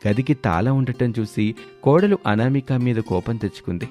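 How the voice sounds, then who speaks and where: A man narrating a family story in a steady, measured way. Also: mid-range voice, soft background music.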